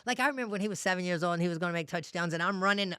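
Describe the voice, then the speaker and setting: A woman's voice: on the low side, very fast, pushed and bright, clean tone, dry recording, studio quality. A woman, talking earnestly and emotionally as a podcast guest. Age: 40s. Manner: earnest, emotional, often says "you know what I mean". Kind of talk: heartfelt interview talk.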